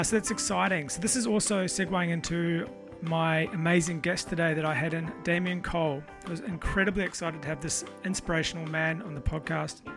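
Higher-pitched, gravelly male podcast host. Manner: informal, sweary, enthusiastic. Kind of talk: casual chat with spoken introduction.

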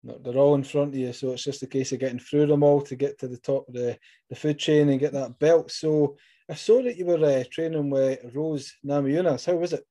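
Scottish male interviewer, mellow warm tone, chatty, encouraging, asks long questions. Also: on the high side, fairly even intonation, brisk. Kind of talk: sports interview.

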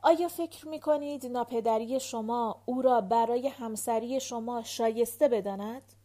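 A woman reading aloud gives voice to a patient young woman who asks soft, coaxing questions in a storybook tale. Her voice sits a little high. It stays close to the reader's own. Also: close to an everyday voice. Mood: gentle probing. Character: patient young woman, gentle older sister.

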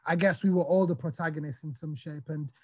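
A man, raised in England after a childhood in Somalia, answering interview questions about his path into politics in a relaxed, chatty way. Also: fairly high pitch, fairly quick, slightly rough, dry recording. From Somalia, raised in Sheffield, England. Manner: relaxed, chatty storytelling with fillers. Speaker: interview guest, activist and author. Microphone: video call.

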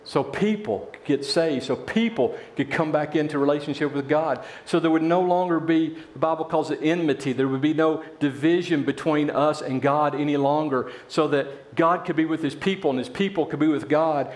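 A man preaching a sermon in a church, telling a parable with animated voices for its characters. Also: a little high, normal speed, hardly any pauses, roomy sound. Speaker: pastor.

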